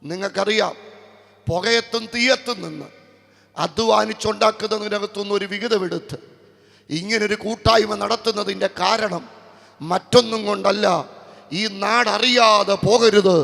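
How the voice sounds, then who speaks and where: Kerala pastor, high gravelly voice, quick chatty stories that turn to slow forceful preaching. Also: male voice, steady tone. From Kerala, India. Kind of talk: evangelistic sermon. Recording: long hall reverb.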